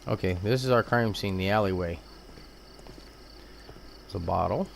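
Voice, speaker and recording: Male let's-play host, low voice, crude and joking. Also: normal speed, vocal fry, slight background noise. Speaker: gameplay commentator. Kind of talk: casual let's-play commentary.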